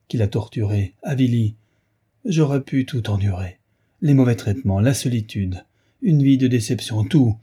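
A man's voice: mid-range voice, mellow, slightly rough. A man reading aloud as a distressed, betrayed wife, pleading and emotional.

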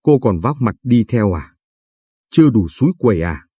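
A man voicing a fierce, sharp-tongued grandmother in an audio story, scolding and protective. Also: fairly low pitch, sing-song, normal speed, breathy edge, dry recording. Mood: contemptuous. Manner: scolding, hissing.

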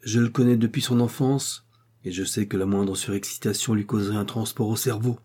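A man playing a calm, sententious village doctor who explains slowly and deliberately. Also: on the low side, slightly rough. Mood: grave.

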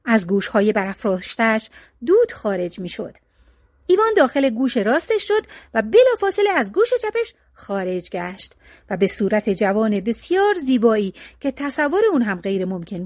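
A woman storyteller reading a folk tale aloud in an expressive, lilting narration. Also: fairly high pitch, no room sound, clean studio sound.

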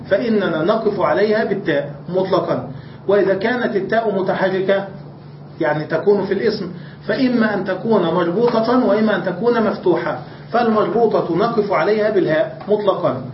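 A man's voice: high voice, slight background noise. A man, a religious scholar, giving a classroom grammar lecture, asking questions and answering them himself. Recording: distant, roomy, dull lecture recording.

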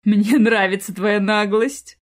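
A weary, husky male film director teases and smirks down the phone, as a woman narrator puts him on. It is storybook voicing, lightly marked against the narration. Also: mid-range voice, lively intonation, moderate pace, lightly acted. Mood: teasing. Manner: teasing, smirking.

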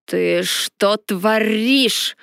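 A gruff, mocking male dragon from a storybook, played by a woman narrator. He drawls his words slowly and rolls a rumbling, growling R, sounding both irritated and smug. The voice is close and dry, with no room around it. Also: fairly bright tone, no room sound, heavily acted. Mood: indignant. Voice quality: growling rolled R. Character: gruff sarcastic male dragon, huge and scaly.

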